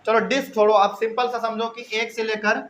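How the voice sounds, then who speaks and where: A man with a notably high voice teaches a math class, walking through each step and posing questions that he then answers himself. A faint hiss of noise sits under his voice. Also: little pitch movement, a little fast, a bit bright, rough recording.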